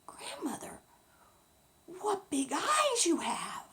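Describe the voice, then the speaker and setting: A woman's voice: extremely high pitch, slow pace, a little hiss or hum, pitched above the performer's own voice, exaggerated voice. A woman voicing a polite, earnest little girl in a bedtime story. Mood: wary wonder. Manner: earnest, expressive.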